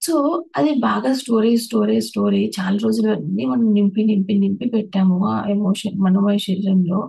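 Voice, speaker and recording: A woman's voice: mid-range voice, a little fast, creaky, warm tone, breathy edge, no echo, low-quality recording. A woman giving a patient spiritual talk on emotions and meditation, listing terms one by one and restarting her words. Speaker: meditation teacher.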